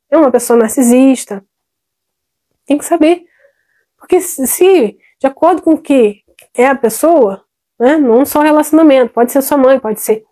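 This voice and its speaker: A woman's voice: high-pitched, warm tone. A woman therapist gives emphatic, conversational advice straight to her audience and keeps calling on them directly. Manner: emphatic, conversational, addresses listeners as "gente". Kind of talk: direct-to-camera advice talk.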